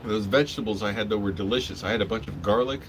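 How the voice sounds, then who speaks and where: A man's voice: on the low side, fast. A man rambling casually while eating, talking with his mouth full. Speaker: vlogger. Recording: clearly noisy background hum.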